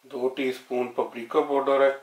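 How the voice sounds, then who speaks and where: A home cooking channel host walks through a recipe step by step in plain narration, his mid-range voice level and moderately paced. He's indoors in a home kitchen, with roomy echo, faint noise and sizzling in the background.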